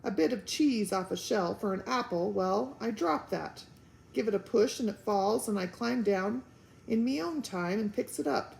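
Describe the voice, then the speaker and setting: A woman voicing a gentle, homely little old man with rustic country grammar. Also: mid-range voice, animated, moderate pace, gravelly, rough recording. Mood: explaining.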